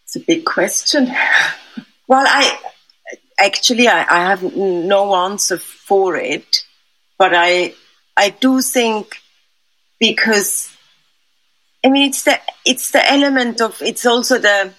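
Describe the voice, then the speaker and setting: A hesitant woman sculptor from Switzerland, where she was raised, answers interview questions conversationally as a guest, thoughtful but full of restarts and fillers. Her mid-range voice is fairly bright, slow, and often pausing, and the recording is rough.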